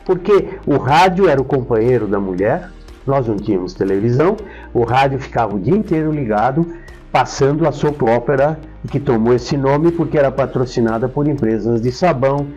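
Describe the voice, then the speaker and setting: An older male interview guest with a Brazilian accent tells stories in a mellow, conversational way, repeating points for emphasis. His voice is medium-pitched and husky. The audio sounds slightly dull, with music playing underneath.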